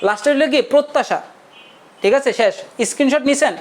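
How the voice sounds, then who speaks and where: Speaking quickly in an extremely high pitch, this young male teacher delivers a relaxed online lecture. He chats freely and constantly checks that his students are following along.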